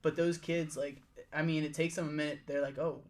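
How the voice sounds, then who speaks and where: Young man, monotone delivery, casual rambling chat, track coach. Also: on the high side, a little fast. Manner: relaxed, rambling, swears casually, acts out quotes. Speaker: podcast host, track coach intern.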